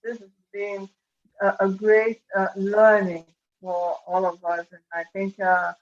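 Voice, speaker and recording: A woman's voice: mid-range voice, flat delivery, measured pace, lo-fi sound. A woman speaking as a guest on a video call, hesitant, with many filler sounds. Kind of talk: informal video-call conversation.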